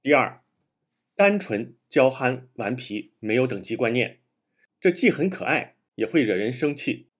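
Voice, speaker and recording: A man's voice: mid-range voice, very animated, measured pace, breathy edge. A man hosting a literary commentary show, laying his points out one by one. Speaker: host.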